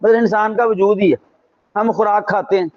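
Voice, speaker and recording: A man's voice: high-pitched, steady tone, highs cut off. A man teaching a Quran translation class with a Pakistani Urdu accent, reciting verses and explaining them with rhetorical questions and emphatic repetition. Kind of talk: religious class lecture.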